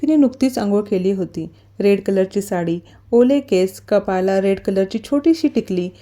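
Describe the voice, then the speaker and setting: Woman, storyteller, mellow tone, story reading, slightly raised voice for dialogue. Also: medium pitch, moderate pace. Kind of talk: reading a romance story aloud.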